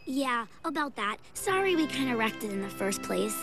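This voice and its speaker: A woman's voice: fairly high pitch, big pitch swings, moderate pace. A woman voicing a vain, scheming young girl who talks smugly. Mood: sheepish. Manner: smug and conniving. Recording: loud background music.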